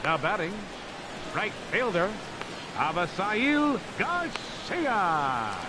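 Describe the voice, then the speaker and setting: A man voicing a ballpark public-address announcer whose slow, drawn-out calls echo over the stadium loudspeakers from a distance. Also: sits high, big pitch swings, full character voice. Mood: formal. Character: booming male ballpark PA announcer. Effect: stadium loudspeaker announcement, heard from afar. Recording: distant loudspeaker sound with noise.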